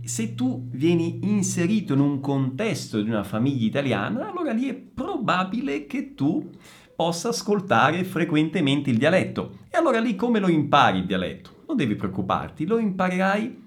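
A man with family roots in Sicily, explaining to language learners in a lively, emphatic way and often checking in with "no?". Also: a little high, moderate pace. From Italy, family from Sicily. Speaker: Italian language teacher.

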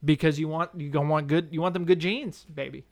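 A man's voice: a little high, fairly even intonation, quick pace. A man co-hosting a podcast in casual chat, full of crude jokes and loose banter. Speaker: podcast co-host.

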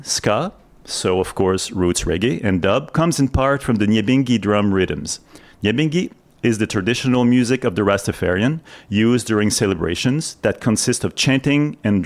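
A man presents live on the radio in a fairly low voice. He talks in an earnest, explanatory way, partly as if from prepared notes. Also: animated, moderate pace. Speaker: radio host. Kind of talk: live radio talk, semi-scripted explanatory narration.

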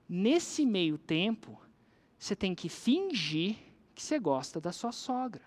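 A storyteller with a Brazilian accent voicing a sly, scheming doctor who explains his plan calmly. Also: medium pitch, slow, pitched below the performer's own voice. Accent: Brazilian Portuguese.

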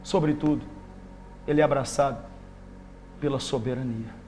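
A male preacher, delivering an impassioned sermon that swings from loud bursts to hushed intensity. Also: mid-range voice, steady tone, moderate pace, a little hiss or hum.

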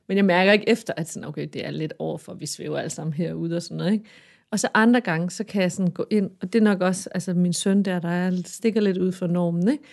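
A woman's voice: fairly low pitch, darkish tone. Woman, mother, casual chat, earnest, reflective, bursts of animation.

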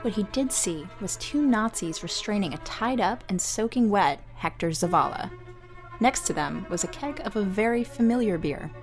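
A woman narrating an audio drama in a measured storytelling manner. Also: mid-range voice, lively intonation, soft background music.

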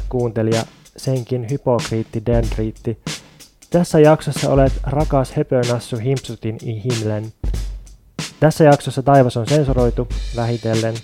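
A man reciting an absurd comic poem in a deadpan, rhythmic way, then chatting casually about it. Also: mid-range voice.

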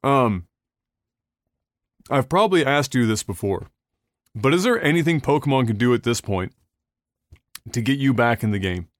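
A man's voice: medium pitch, expressive, moderate pace, long pauses, no echo, studio quality. A man hosting a casual gaming podcast, rambling through news with restarts and casual swearing. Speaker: podcast host.

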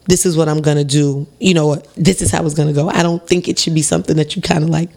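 A woman's voice: sits low, fairly even intonation, fast, darkish tone. A woman guest chatting casually and frankly, with slang and quoted asides thrown in. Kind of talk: casual chat.

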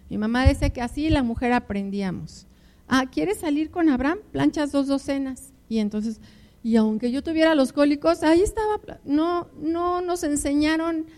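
Older woman, pastor for couples: heartfelt storytelling sermon, voice sits a bit high. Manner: emotional storytelling with personal anecdotes; addresses listeners warmly as beloved ones. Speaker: preacher speaking to married couples. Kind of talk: conversational sermon.

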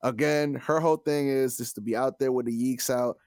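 A man's voice: medium pitch, fairly even intonation, a little fast, darkish tone, no echo, studio quality. A man chatting casually as a podcast host, slangy and opinionated.

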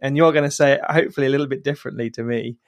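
A man's voice: mid-range voice, fairly even intonation, very fast, dry recording. Chatty English man hosting a podcast. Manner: friendly, chatty with restarts. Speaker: podcast host. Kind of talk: podcast interview.

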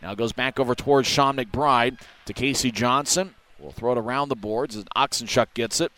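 A man giving rapid hockey play-by-play commentary as a game commentator, ready to burst into shouts on big chances. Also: medium pitch.

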